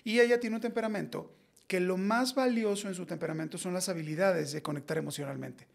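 A Mexican man in his forties, a podcast guest, telling personal stories in a blunt, slangy, animated way. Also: high-pitched, quick pace, vocal fry. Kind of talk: casual podcast conversation.

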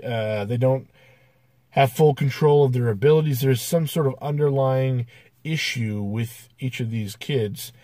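A man's voice: mid-range voice, darkish tone, no echo. A man hosting a casual film review, talking loosely and hesitantly with many fillers. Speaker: movie reviewer.

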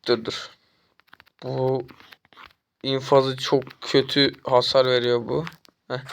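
A young man from Turkey commentating his own mobile game as he plays, taunting and trash-talking the enemy and getting excitable during chases. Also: medium pitch, takes it slowly, creaky, clean tone. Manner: excitable, jumps up when chasing. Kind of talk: live gameplay commentary.

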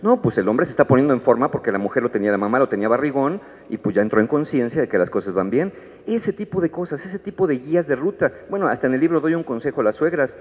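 A man's voice: medium pitch, animated, fast talker, a little mellow, breathy edge. A man with a Mexican accent giving a humorous talk about his book to a live audience at a book fair, acting out little dialogues in changing voices. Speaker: author presenting his book. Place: large hall at a book fair. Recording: dull echoey hall recording.

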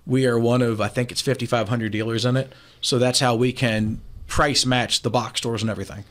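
A man in his forties, an appliance store owner, talking briskly and confidently as a guest on a radio show over a video call. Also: medium pitch, steady tone. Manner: brisk, confident business talk. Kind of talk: casual radio talk interview. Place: small room, indoors, remote video call. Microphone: studio mic with headphones.

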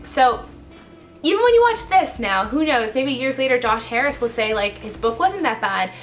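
A young woman, a vlogger and YouTuber talking fast and chattily to her viewers. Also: a little high, very animated, faint music behind. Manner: fast, chatty, laughing asides. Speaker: YouTuber and blogger. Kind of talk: casual vlog commentary.

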